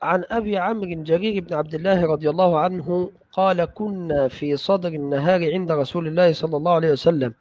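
A man with a somewhat high voice reads classical religious texts aloud, steady and careful. The sound is dull and lo-fi, with a dry, close feel. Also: dry recording. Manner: measured, careful recitation with brief checks of the text. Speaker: student reading hadith texts aloud. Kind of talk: classical text recitation in a study session.

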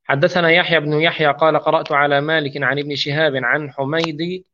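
A man reading hadith narrations aloud in a steady, measured recitation, sometimes restarting a word. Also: fairly high pitch, muffled recording, slight background noise.

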